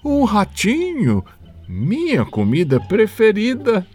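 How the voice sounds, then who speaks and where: A man reading a storybook aloud and voicing a big, hungry, slow-witted male monster with drawn-out lines. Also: high voice, wildly swooping pitch, a little mellow, soft background music, voice pushed up, heavily acted. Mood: hungry, wary.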